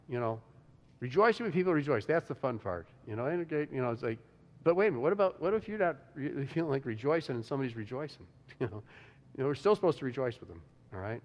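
A pastor delivers a sermon to his congregation in a loose, chatty manner, frequently restarting sentences, saying "you know," and chuckling. His mid-range voice is animated and fast, echoing with the long reverb of a large hall, and the high frequencies are cut off.

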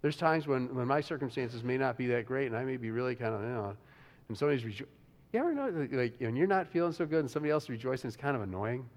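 Speaking to his congregation, a pastor preaches in a relaxed, conversational style full of restarts, "you know"s, and chuckles. His animated mid-range voice races along and rings with the long reverberation of a big hall.

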